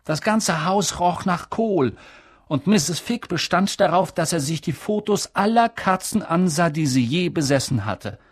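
A man reading a children's novel aloud in measured, expressive storytelling. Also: sits high, dry recording, clean studio sound. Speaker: audiobook reader. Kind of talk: scripted storybook narration.

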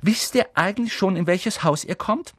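A man's voice: high voice, expressive, moderate pace, fairly bright tone, dry recording, studio quality, pitched above the performer's own voice. A man doing a bossy know-it-all schoolgirl. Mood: lecturing. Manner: commanding, breathless torrent of words. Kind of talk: audiobook character voice.

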